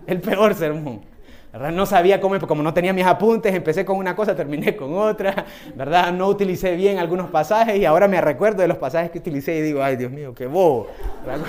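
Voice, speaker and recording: Man preaching with loud emphatic bursts. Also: fairly high pitch. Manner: tags many phrases with a questioning "right?"; swings between soft asides and loud emphatic bursts. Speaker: lay preacher. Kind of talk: sermon with personal testimony.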